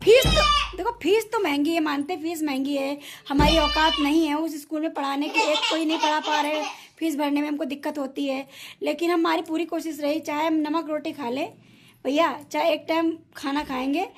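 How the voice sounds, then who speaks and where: A woman's voice: high voice, moderate pace, slight background noise. A woman in her thirties, a mother filming a casual family vlog with her young son, talking in a coaxing, half-laughing, half-tearful way.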